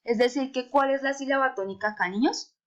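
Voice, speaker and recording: A woman's voice: sits high, fairly quick, highs cut off. A woman teaching a remote lesson to young children, patiently asking rhetorical questions and drawing out words to stress their syllables. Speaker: primary school teacher.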